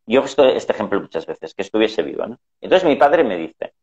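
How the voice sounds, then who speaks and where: This middle-aged guest shares family anecdotes conversationally, imitating the voices in his stories. His fairly low, darkish voice swings widely in pitch and moves a little fast, and the sound is dull and lo-fi.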